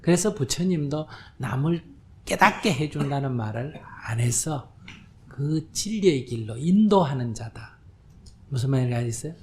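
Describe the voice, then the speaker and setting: A man's voice: mid-range voice, expressive, normal speed, a little mellow. Older male monk, Q&A dharma talk in a hall, chatty, checks in with listeners, faint room noise. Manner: conversational, often checks listeners understand; acts out quoted voices, drops to whispers. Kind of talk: question-and-answer dharma talk. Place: lecture hall with audience.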